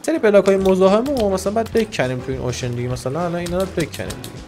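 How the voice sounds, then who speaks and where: A man giving excitable, joking commentary over a game, shouting and trash-talking the monsters. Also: high voice, soft background music. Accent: Iranian Persian. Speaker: gaming YouTuber. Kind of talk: Minecraft let's-play commentary.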